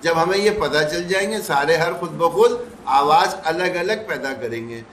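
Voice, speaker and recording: A man teaching recitation, patiently repeating sounds slowly to demonstrate them. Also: a little high, lively intonation, fairly bright tone, reverberant, slight background noise. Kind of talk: explanatory lesson.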